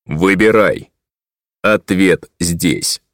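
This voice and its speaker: A man voicing an ancient guardian pillar with a booming, metallic voice, speaking slowly and solemnly. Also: no room sound, clean studio sound, exaggerated voice. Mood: commanding. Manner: slow, solemn, imposing. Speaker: audiobook narrator. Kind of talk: audiobook reading.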